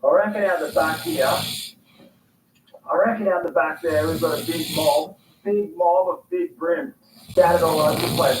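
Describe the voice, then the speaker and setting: A man giving excitable, slangy fishing commentary outdoors by the water. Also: on the high side. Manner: excitable, exclaiming loudly, slangy. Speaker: fishing vlogger. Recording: distant, echoey outdoor sound with noise.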